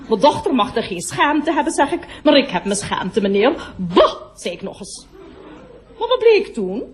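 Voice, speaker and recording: A woman's voice: a little high, darkish tone. A woman playing a chatty, prim cloakroom attendant. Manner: chatty gossiping storyteller who keeps breaking off to address visitors. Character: talkative middle-aged woman cloakroom attendant, nosy and prim. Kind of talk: comic monologue with audience laughter.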